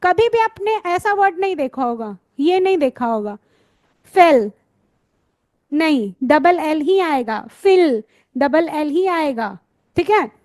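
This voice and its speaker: A woman's voice: high-pitched, animated, takes it slowly, a little mellow, no room sound. A woman teaching phonics, patiently sounding out letters and words and checking in with her students. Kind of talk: spoken lesson, sounding out words.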